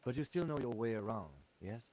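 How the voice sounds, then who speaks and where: A man voicing a calm, dry male police lieutenant in a video game, asking measured, curt questions. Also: mid-range voice, lightly acted, rough recording.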